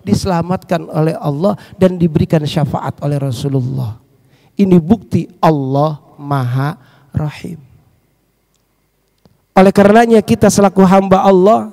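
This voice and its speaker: A man preaching a sermon, telling a dramatic story with many rhetorical questions and swinging between hushed and raised passages. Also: high-pitched, vocal fry.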